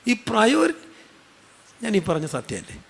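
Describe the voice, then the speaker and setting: A high-pitched man with a Malayali accent delivering a sermon. He keeps asking his listeners questions and answers them himself. His talk is conversational and dotted with humorous asides. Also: huge pitch swings, measured pace, vocal fry, breathy edge, in a large hall. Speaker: preacher.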